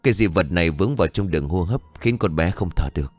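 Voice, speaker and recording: A man voicing a calm clinic doctor who speaks briskly and formally. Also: low-pitched, dry recording, soft background music. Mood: grave.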